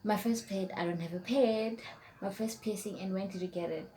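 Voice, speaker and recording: This young South African YouTuber, a Setswana speaker, has a warm, medium-pitched voice and a moderate pace. She's chatty and rambling in her tag video, whispering as she reads the questions, with faint hiss underneath.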